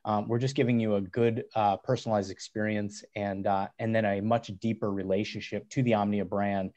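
A man's voice: lowish voice, flat delivery, brisk, darkish tone, dull audio. A man in his thirties, a startup cofounder, talking in a video call interview from a small office over a headset, with many restarts and fillers.

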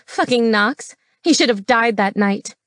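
A woman doing a shrill, spiteful young woman. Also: unhurried, a bit bright, no echo, studio quality. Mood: shrieking. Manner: shrill, screaming. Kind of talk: audiobook character voice.

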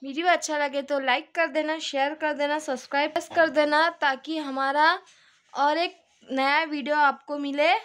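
A woman's voice: sits high, flat delivery, normal speed, fairly bright tone, poor audio. Chatty woman hosting a home cooking video. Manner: chatty, lists ingredients step by step. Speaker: cooking channel host. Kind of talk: casual cooking video narration. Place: home kitchen.

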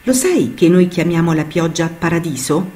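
A woman voicing a small, young female sand dune in a storybook tale, speaking softly and wistfully. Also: lowish voice, expressive, normal speed, close to an everyday voice.

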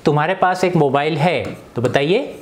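A young man teaching an English grammar lesson in Hindi. He often asks the class questions and repeats each example sentence slowly. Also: a little high, slight background noise.

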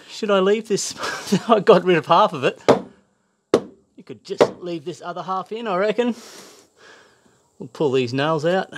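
A man's voice: fairly high pitch, background noise. An Australian man chatting casually as he works on a home renovation project, rambling and making fun of himself. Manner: chatty, self-mocking, rambling with fillers. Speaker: DIY home renovation vlogger. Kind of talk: casual DIY vlog. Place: indoors in a house under renovation.

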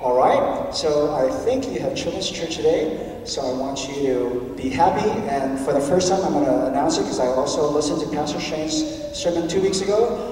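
A man's voice: fairly high pitch, moderate pace, a little mellow, slight background noise. A man giving a children's story in church, asking the kids questions as he talks. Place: large church sanctuary. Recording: echoey church hall from far off.

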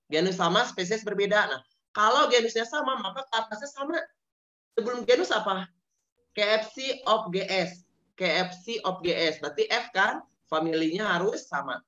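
A high, expressive male voice with a bright, forceful tone moves briskly through an online science lesson. The teacher, from Indonesia, drills key terms again and again and keeps asking his students questions. The audio is dull and lo-fi, video-call style.

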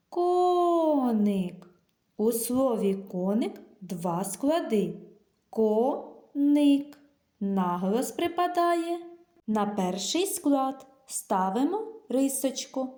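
Woman preschool teacher, slow and clear, mellow voice, echoey room. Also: a little high. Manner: slow and clear, stretching sounds and syllables. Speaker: kindergarten teacher.

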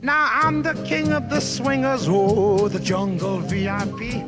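A man singing as a boastful, playful orangutan king in an animated film song, scatting over a swing band. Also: sits high, measured pace. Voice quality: scat-singing, jazzy. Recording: song over loud band music, from a distance.

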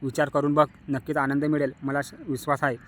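A man's voice: mid-range voice, level tone, brisk, a bit bright, close to an everyday voice. A man voicing an earnest, encouraging male childhood friend.

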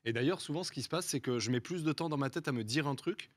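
A man's voice: mid-range voice, quick pace, no room sound, studio quality. A man chatting as a guest, explaining himself at length and searching for words. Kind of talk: casual group chat.

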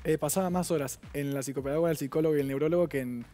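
A man's voice: fairly high pitch, fairly even intonation, warm tone. A man in his twenties with a Rioplatense Spanish accent, earnestly telling his own story as a guest on a TV talk show. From Argentina. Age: 20s. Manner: earnest, rapid, reflective. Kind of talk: personal account on a TV talk show.

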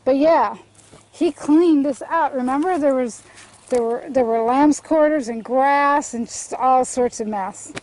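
A woman's voice: high voice, unhurried, a little mellow, slight background noise. A middle-aged woman with a congested throat, chatting casually as she films a walk through her sunny garden, thinking aloud with fillers and restarts. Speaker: homestead gardening vlogger. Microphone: handheld camera at arm's length.

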